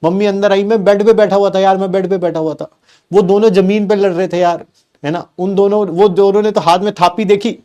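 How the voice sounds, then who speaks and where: A middle-aged man from India, a teacher telling a lively personal story to his students, mixing in English phrases. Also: sits high. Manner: animated, mixes English phrases, acts out family members' lines.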